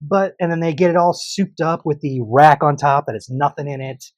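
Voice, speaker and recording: An opinionated man voicing his complaints in a relaxed podcast chat. His voice is somewhat high for a man and he laughs easily. He is recorded close and dry, with no room echo. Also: fairly quick. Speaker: podcast co-host. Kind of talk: casual chat.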